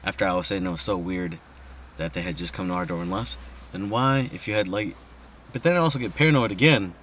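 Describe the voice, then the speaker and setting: Drunk, slurry, rambling man with a low voice. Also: quick pace, a bit bright, slight background noise. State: drunk, slightly slurred speech. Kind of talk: casual rambling personal recording.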